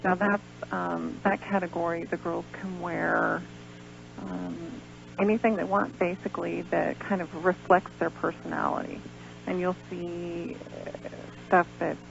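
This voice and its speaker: Heard through a dull, lo-fi radio recording with a bit of hum and noise, a pageant organizer guesting on a radio show walks through her explanations one step at a time. She's American, her voice fairly low, gravelly and creaky with fry, and she hesitates and pauses frequently.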